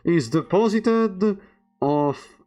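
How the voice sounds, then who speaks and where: Man playing a halting, higher-pitched teacher reading reversed text. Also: expressive, mellow, exaggerated voice. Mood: halting lecturing. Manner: halting, stumbling word by word while deciphering reversed text. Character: formal schoolteacher lecturing a class in a video game. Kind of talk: reading game dialogue aloud.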